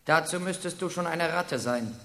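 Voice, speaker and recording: An actor playing a sly rat who serves a prince in a radio play, speaking in a cool, matter-of-fact way. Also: male voice, a little high, normal speed, bright, forceful tone.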